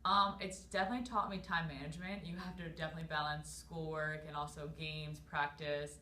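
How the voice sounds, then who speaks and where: A woman's voice: sits low, level tone, brisk, pushed and bright, slight background noise. A young adult woman giving casual interview answers as a student athlete. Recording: echoey room.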